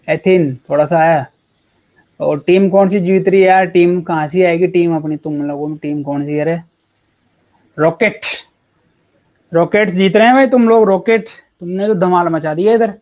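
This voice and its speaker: A man's voice: a little high, a little mellow, lo-fi sound. A man teaching chemistry in a casual online class, chatty and encouraging with his students. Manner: chatty and encouraging, calls students beta and yaar.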